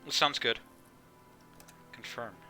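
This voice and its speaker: A man's voice: mid-range voice, slow, bright, forceful tone, faint music behind. A young man streaming a game live, chatting casually and rambling, with the odd swear. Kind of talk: casual live gameplay commentary.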